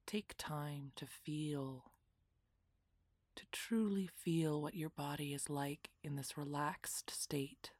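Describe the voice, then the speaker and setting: A woman guiding a relaxation meditation in a soft, half-whispered, soothing voice. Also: deep voice, steady tone, takes it slowly, breathy edge, no echo, clean studio sound. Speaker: meditation guide.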